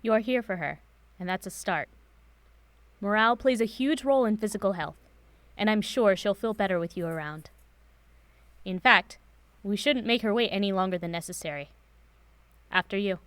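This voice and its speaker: Actress as Professor Van Helsing, brisk and dry-miked. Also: female voice, medium pitch, a bit bright, smooth, no room sound, natural voice. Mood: composed, encouraging. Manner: assured, instructive, decisive. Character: brisk, confident professor, mentor to a former student. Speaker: actor in audio drama. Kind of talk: naturalistic audio drama acting.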